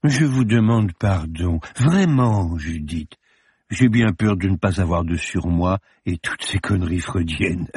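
A cold, mocking film director with a low, slightly husky voice, as a male reader puts him on. He talks down to people in clipped, cutting remarks, sneering even when he apologizes. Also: measured pace, no echo, studio quality. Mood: icy mocking. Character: cynical, scornful chain-smoking male film director.

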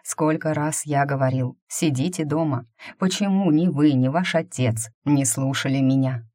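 A woman voicing a middle-aged male burgomaster who speaks calmly and reproachfully to his captive. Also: low voice, normal speed, no room sound, clean studio sound. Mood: coaxing. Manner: calm, coaxing, reproachful.

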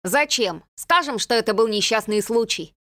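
A woman's voice: a little high, animated, moderate pace, bright, forceful tone, dry recording. Woman reading as a blunt callous soldier, audiobook, dry sound. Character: ruthless soldier by the fire, scheming man.

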